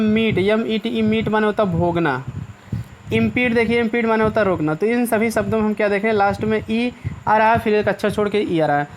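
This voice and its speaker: A male English teacher slowly explaining pronunciation rules, spelling words out letter by letter. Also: high voice, slight background noise, low-quality recording. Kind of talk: explanatory lesson.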